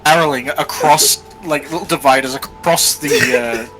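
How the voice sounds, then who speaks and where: A man narrating a tabletop role-playing game as game master, describing scenes in a measured way with fillers. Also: a little high, fairly bright tone, soft background music, rough recording.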